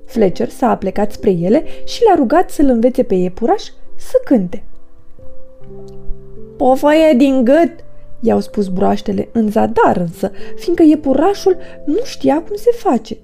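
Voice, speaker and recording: A woman gently reading a children's bedtime story in a soothing way. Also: a little high, sing-song, vocal fry, few pauses, faint music behind.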